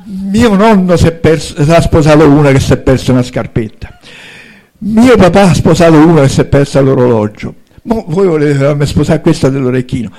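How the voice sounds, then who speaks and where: A man's voice: on the high side, expressive, fairly quick, warm tone, voice pushed up, lightly acted. A man voicing a grumbling, pompous young prince in a fairy tale, complaining in an exasperated whine.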